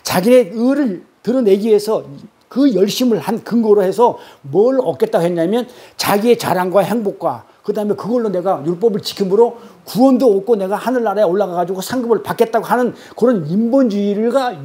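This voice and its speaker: A man's voice: high-pitched, lively intonation, fairly quick, few pauses, mellow. A male pastor preaching a sermon in a conversational, emphatic way, firing off rhetorical questions. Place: church.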